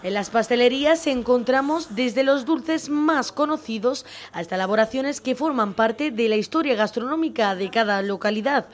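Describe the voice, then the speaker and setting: A woman reporter narrating a scripted local news piece in a measured, smooth way. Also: fairly high pitch, expressive.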